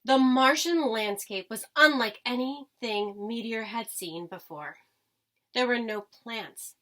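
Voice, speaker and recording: Taking it slowly, a woman with a slightly high, somewhat bright voice reads a kids' storybook like a teacher would. Her reading is expressive and dramatically emphasized, broken up by short asides to listeners.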